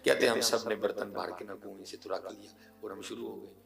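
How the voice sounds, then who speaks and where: Faint music plays behind a low, gravelly-voiced preacher who tells his emotional sermon as a story, swinging between quiet and loud and driving points home with repeated phrases. He sounds far from the mic, in a room full of echo.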